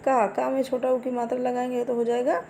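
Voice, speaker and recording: A woman teaching a Hindi lesson to young children, slowly and patiently repeating words for them to follow. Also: a little high, little pitch movement, darkish tone, slight background noise. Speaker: primary school Hindi teacher.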